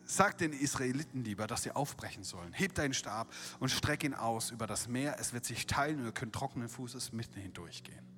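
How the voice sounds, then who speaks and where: A man preaching a sermon, retelling a Bible story with lively acted-out quotes and direct rhetorical questions to the listener. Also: mid-range voice, a little fast, hardly any pauses, soft background music.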